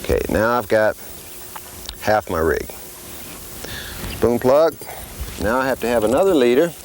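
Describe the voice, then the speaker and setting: A man's voice: mid-range voice, sing-song, a little slow, a little hiss or hum, poor audio. An older man, a fishing instructor, explains step by step in a plain hands-on tutorial while he ties rigs.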